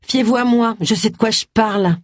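A woman's voice: a little high, moderate pace, no echo, clean studio sound, voice pushed up, lightly acted. A woman reading aloud voices a vain, sulky man who whines and pleads. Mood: whiny. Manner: whining and pleading. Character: vain, sulky young publicist man, whiny.

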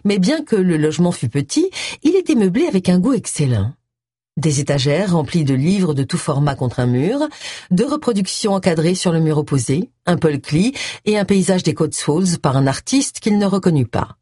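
A woman narrating an audiobook in expressive storytelling style. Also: on the low side, normal speed, husky, no echo, studio quality. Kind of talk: scripted narration.

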